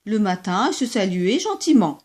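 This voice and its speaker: A woman reading a children's story aloud in a gentle, lively storytelling manner. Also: mid-range voice, normal speed, breathy edge.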